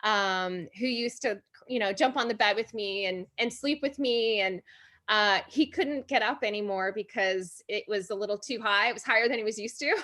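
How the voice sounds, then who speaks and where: A woman's voice: medium pitch, moderate pace, bright, forceful tone. A woman from Hawaii, a podcast guest, chatting casually with many fillers, restarts and frequent laughter. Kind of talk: casual interview chat.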